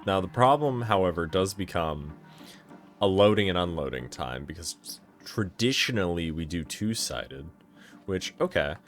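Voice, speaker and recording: A gameplay streamer with a low voice offers casual commentary, thinking out loud and correcting himself as he plans his moves. He sounds tired and yawns now and then.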